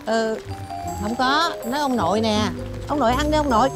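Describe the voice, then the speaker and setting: A woman's voice: fairly high pitch, moderate pace, over loud music, natural voice. An actress playing a kind, bustling noodle shop owner who chats in a motherly, fussing way. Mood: caring. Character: kind, bustling neighborhood woman who feeds others. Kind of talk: TV drama acting.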